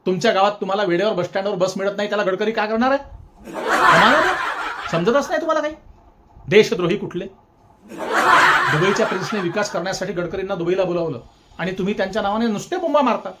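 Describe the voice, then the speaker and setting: Brief: male satirical commentator, high-pitched, sarcastic and scolding, laughs through his own jabs. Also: lively intonation, very fast, very noisy. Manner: sarcastic mock-scolding, repeats jeering taunts; chuckles while speaking.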